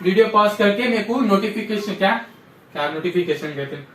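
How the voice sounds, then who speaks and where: This grammar teacher has a high, fairly quick, slightly bright voice, captured from a distance in an echoey room with a little background noise. In a classroom-style lesson, he repeats rules and keeps asking "samjhe?" to check understanding.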